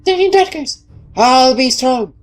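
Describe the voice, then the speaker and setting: A woman's voice: animated, a little slow, faint music behind. A woman voicing a devoted, anxious female retainer in a game story, earnest and deferential toward her lady. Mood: resolute, devoted. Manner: earnest, deferential, higher-pitched.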